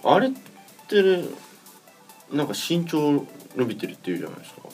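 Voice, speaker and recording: A man co-hosting a casual podcast chat, talking in a soft and hesitant way. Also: fairly high pitch, big pitch swings, a little fast, soft background music.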